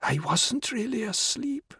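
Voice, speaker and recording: A man's voice: sits high, sing-song, slow pace, bright, forceful tone, breathy edge, dry recording, clean studio sound, pitched above the performer's own voice, heavily acted. A man voicing a frail, dying old woman who speaks in a weak whisper. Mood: faint.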